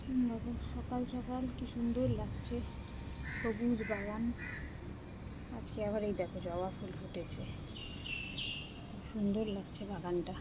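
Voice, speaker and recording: A woman's voice: medium pitch, fairly even intonation, unhurried, pauses often. A woman, chatting casually through her household routine as a home vlogger. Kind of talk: casual home vlog narration. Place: home, garden, balcony and kitchen. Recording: loud background noise from cooking.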